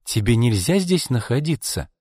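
Man voicing a timid young woman, soft, hesitant, storybook reading. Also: mid-range voice, sing-song, moderate pace, slightly rough, no echo, clean studio sound.

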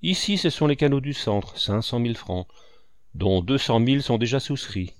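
A man's voice: medium pitch, expressive, normal speed, dry recording, studio quality, lightly acted. A man voicing a cynical, greedy male swindler who talks in a brash, mocking way. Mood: scheming.

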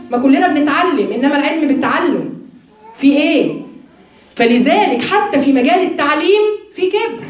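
A woman with an Egyptian accent giving a religious lesson to women, animated and full of rhetorical questions to her listeners. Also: sits high, a little hiss or hum. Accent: Egyptian Arabic. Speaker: religious teacher. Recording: very echoey room from far off mic.

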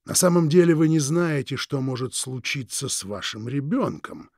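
A man's voice: mid-range voice, lively intonation, gravelly, a little mellow, no room sound, studio quality. A man voicing a sinister, mocking male villain in an audiobook, stretching his words with sneering politeness. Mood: menacing. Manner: slow, drawn-out, sneering politeness. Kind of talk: audiobook reading.

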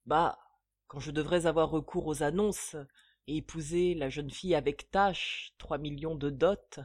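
A woman's voice: sits low, fairly even intonation, a little slow, darkish tone, dry recording, studio quality. A woman voicing a ruined, insolent aristocrat who speaks with haughty composure.

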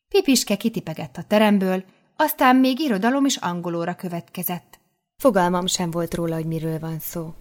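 Expressive woman reading an audiobook. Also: lowish voice. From Hungary. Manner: expressive, lively storytelling. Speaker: audiobook narrator. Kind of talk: first-person audiobook narration.

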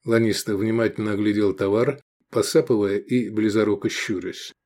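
A man narrating an audiobook with expressive, animated reading. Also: lowish voice, normal speed. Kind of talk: scripted narration.

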